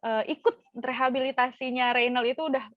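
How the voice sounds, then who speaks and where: A woman's voice: high-pitched, steady tone, brisk, no echo. A woman hosting a casual podcast interview, chatty with many fillers and affirming murmurs. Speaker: podcast host. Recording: dull dry lo-fi sound.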